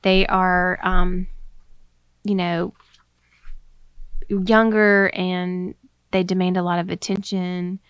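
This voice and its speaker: A young woman talks through a casual solo podcast, her voice sitting a little low for a woman. She sounds slightly out of breath and rambles, filling pauses with ums and restarting her sentences. The recording is dry and close. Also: level tone, clean tone, no room sound, dull audio. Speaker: podcast host.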